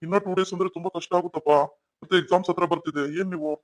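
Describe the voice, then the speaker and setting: A man voicing a middle-aged male college principal calling on the phone, brisk and businesslike. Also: high voice, fairly even intonation, natural voice. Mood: concerned.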